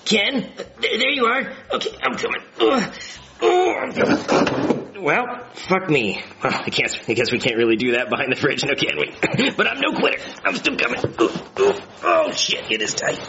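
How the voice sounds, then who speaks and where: A man voicing a whiny, excitable young boy who pleads and stammers. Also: sits high, normal speed, gravelly, dull audio, background noise, exaggerated voice. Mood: frantic.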